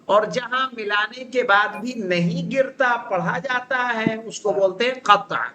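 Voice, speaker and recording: A man whose first language is Urdu, teaching an Arabic grammar class, reading Arabic phrases slowly and translating them, with frequent check questions to students. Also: sits high, a crowd in the background, rough recording. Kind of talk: classroom lesson.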